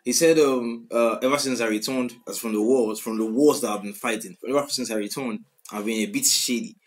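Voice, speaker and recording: A Nigerian-accented man in his twenties hosts a reaction video from a small room at home, casually commenting on songs and repeating lyrics in slangy talk while music plays. His voice is medium-pitched, fairly quick and fairly even in intonation.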